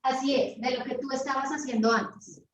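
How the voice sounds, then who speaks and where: A Colombian woman leading an online business coaching session, talking in a lively way and acting out her examples with long pauses. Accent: Colombian Spanish. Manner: chatty and animated, acts out examples with pauses and lowered tone. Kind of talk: live video call coaching.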